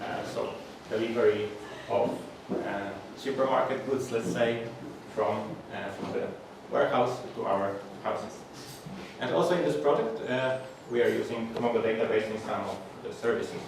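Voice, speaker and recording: A man's voice: on the low side, moderate pace. A man in his thirties from Poland with a Polish accent gives a technical conference talk. His delivery is plain and hesitant, with frequent fillers and restarts. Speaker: conference speaker. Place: large echoey conference room. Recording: echoey hall, distant, audible background noise.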